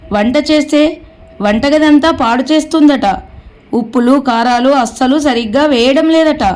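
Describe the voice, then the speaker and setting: A woman's voice: high-pitched, a little mellow. A woman with a Telugu accent narrating a family story in a sympathetic storytelling manner. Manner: sympathetic storytelling, sighs of pity.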